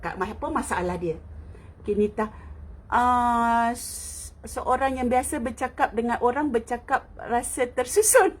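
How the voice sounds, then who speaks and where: A middle-aged Malaysian woman with a high, slightly husky voice hosts a live online chat. She talks easily with viewers and laughs often. She drops English words into her sentences. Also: measured pace. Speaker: online talk host.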